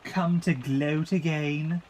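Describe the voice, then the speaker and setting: A man's voice: a little high, steady tone, slow pace, a little mellow, slight background noise, voice pushed up. A man voicing a prim, easily offended female diesel railcar in a storybook reading. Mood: indignant. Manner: proper, indignant.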